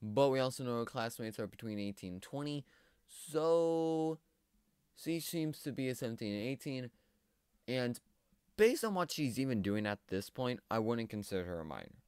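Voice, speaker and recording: Male commentator, lowish smooth voice, hesitant and filler-heavy, dry close mic. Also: expressive, moderate pace, a little mellow, no room sound. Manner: rambling, hesitant, lots of fillers. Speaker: video commentator. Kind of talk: casual commentary on a cartoon series.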